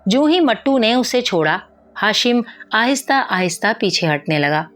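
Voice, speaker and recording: A woman's voice: medium pitch, expressive. Woman narrating a moral story. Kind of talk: scripted narration.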